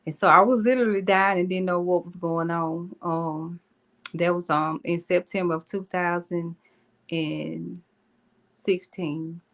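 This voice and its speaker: A woman guest telling her story on a video call, earnest and halting with many pauses. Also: fairly low pitch, fairly even intonation, vocal fry. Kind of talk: personal story on a podcast.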